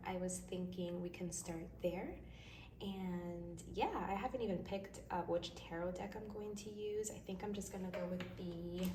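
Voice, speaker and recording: A woman with a mellow mid-range voice reads tarot and hosts in a chatty, soothing, informal way. Her nose sounds a little blocked from crying. The recording has a distant mic, echoing room, and faint background noise.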